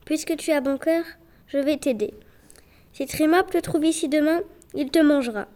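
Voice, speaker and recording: A woman doing a tiny helpful mouse, high gentle voice. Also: normal speed, close to an everyday voice. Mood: pleading. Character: small kind-hearted female mouse.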